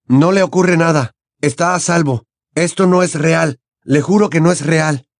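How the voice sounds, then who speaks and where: A man's voice: a little high, a little slow, dry recording, studio quality, voice pushed up. A male audiobook reader voicing an anxious teenage boy wizard who talks in a tense, urgent way. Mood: urgent, coaxing. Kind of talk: audiobook character voice.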